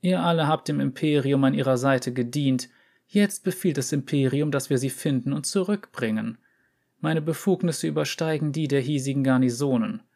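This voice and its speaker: A man reading an audiobook story, voicing a calm, unsettling female runesmith who speaks with measured authority. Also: mid-range voice, creaky. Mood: calm, authoritative.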